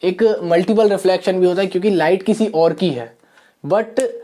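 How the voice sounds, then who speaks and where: A man teaches a school science lesson in a soft, low-key voice. He explains step by step, often pausing on fillers and repeating phrases. He is recorded in a small room. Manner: soft-spoken. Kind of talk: classroom lesson. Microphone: camera mic.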